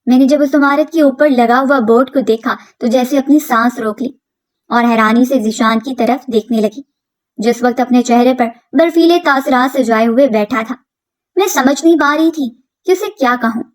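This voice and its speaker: A woman narrates a scripted first-person story. Her voice sits high, and she reads with an earnest, dramatic storytelling manner. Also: normal speed.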